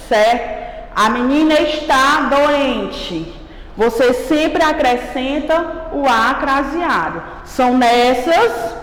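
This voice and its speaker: A woman teacher with a Brazilian accent giving a patient grammar lesson to children, checking in with "right?" as she goes. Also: high-pitched. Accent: Brazilian Portuguese. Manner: slow, patient, calls herself "a tia", checks with "certo?". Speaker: primary school teacher. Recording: echoey room with long reverb.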